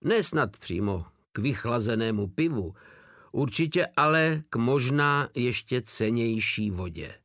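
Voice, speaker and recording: A man reading an audiobook war novel in a steady, measured narration. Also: medium pitch, dry recording, clean studio sound. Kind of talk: scripted narration.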